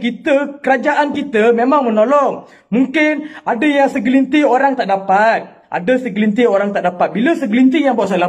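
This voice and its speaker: A man's voice: very high voice, darkish tone. A Malaysian man delivering an angry, confrontational video rant, scolding and firing rhetorical questions. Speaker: social media commentator.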